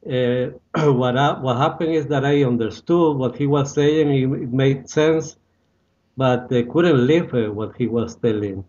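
A man in his sixties from Costa Rica with a Costa Rican Spanish accent, telling his story as an interview guest in halting English full of fillers. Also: mid-range voice, a little mellow, dull audio. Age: 60s. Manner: halting, many "uh" fillers and restarts. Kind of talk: casual interview, personal story.

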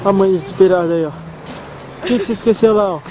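A man's voice: high-pitched, quick pace, background noise. A man, filming a family outing and talking to his small children in a coaxing, sing-song way. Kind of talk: casual home video chat. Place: outdoor park with people around. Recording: home video with crowd and music behind.

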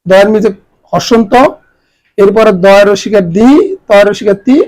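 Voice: medium pitch, flat delivery, measured pace, darkish tone, rough recording. A teacher giving a grammar lesson, spelling out each word letter by letter and repeating it for the students.

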